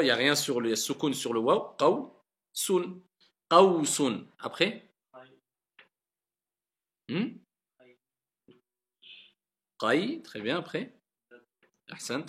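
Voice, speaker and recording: Bright-voiced male Arabic reading teacher. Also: mid-range voice. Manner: patient, repeats words slowly and drawn out to model pronunciation; encouraging, mixes French with Arabic words. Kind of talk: classroom lesson, correcting students' reading.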